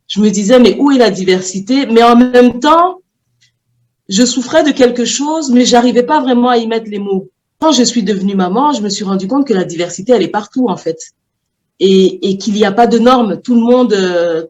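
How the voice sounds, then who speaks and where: A woman, a mother and children's book author from France, answering interview questions thoughtfully with many pauses and restarts. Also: medium pitch, a little mellow. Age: adult, a mother.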